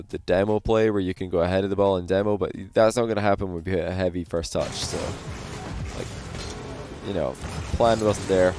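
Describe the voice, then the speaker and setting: Low-voiced man coaching over soft music. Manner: relaxed coaching, frequent fillers. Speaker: game coach reviewing a replay. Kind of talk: casual replay commentary. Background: faint lo-fi background music.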